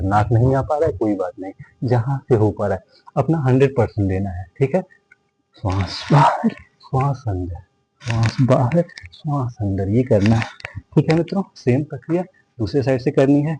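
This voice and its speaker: Speaking fast in a warm, husky, mid-range voice, this Hindi-accented man guides a yoga class. Counting breaths, he keeps addressing viewers as friends and reassures them to take it easy and rest rather than strain when tired. The recording is rough.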